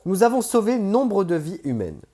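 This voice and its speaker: A man's voice: high voice, huge pitch swings, normal speed, dark tone, pitched above the performer's own voice, full character voice. A man voicing a cold haughty being.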